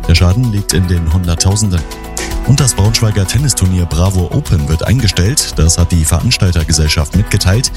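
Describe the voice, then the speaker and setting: Deep male regional news presenter.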